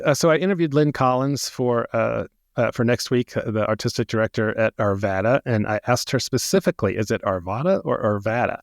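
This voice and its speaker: A man's voice: mid-range voice, creaky, no room sound, studio quality. A man co-hosting a theater podcast, talking casually and hesitantly, often repeating words as he goes. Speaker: podcast co-host.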